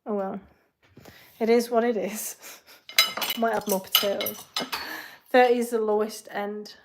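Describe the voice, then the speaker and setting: Heavy background noise surrounds an English-accented fitness coach speaking at a measured pace in a medium-pitched voice with fairly even intonation. She chats casually on a live question-and-answer stream from her home kitchen, rambling and making asides while cooking.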